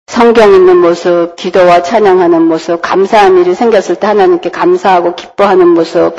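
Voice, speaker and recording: A woman's voice: a little high, darkish tone, rough recording. A woman pastor preaching a sermon, often putting questions to the congregation. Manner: asks the congregation rhetorical questions.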